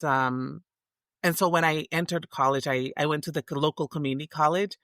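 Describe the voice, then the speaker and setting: A woman's voice: low-pitched, fairly even intonation, fairly quick, fairly bright tone, dry recording, clean studio sound. A middle-aged woman from Tonga, a guest in a casual interview, talking reflectively with many restarts and fillers.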